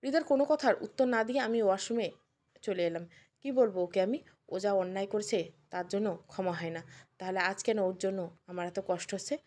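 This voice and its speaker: Woman, storyteller, first-person narration, earnest, steady, medium pitch.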